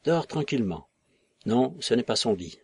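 A man voicing a hushed, gentle mother. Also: mid-range voice, very animated, normal speed, a little hiss or hum. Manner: hushed and soothing. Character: gentle grieving mother, soft-spoken woman.

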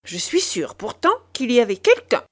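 A woman's voice: very animated, a little slow. A woman reading a story, putting on the voice of a shrewish, sarcastic bourgeois wife who scolds her husband. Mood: alarmed. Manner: scolding, shrill, contemptuous.

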